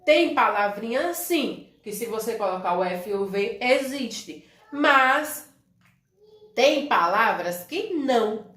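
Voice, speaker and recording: A woman's voice: on the high side, animated, a bit bright, echoey room. A Brazilian woman teaching young children a review lesson, calling herself auntie and checking in with a tag question after almost every phrase. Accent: Brazilian Portuguese. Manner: speaks of herself as "tia", many tag questions like "né?" and "certo?"; drawn-out syllables when modelling words. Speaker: primary school teacher.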